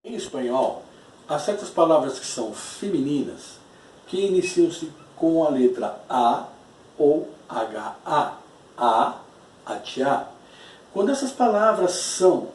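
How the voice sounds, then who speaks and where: A man teaching a language lesson, explaining slowly and repeating key terms for his students. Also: fairly high pitch, dark tone. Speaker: Spanish teacher. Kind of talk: recorded classroom lesson. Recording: echoey room, distant from mic.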